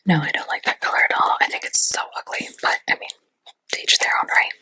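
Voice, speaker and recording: A woman's voice: fast, pushed and bright, no room sound. A woman whispering in a chatty ASMR roleplay as a fortune teller, with lots of casual fillers.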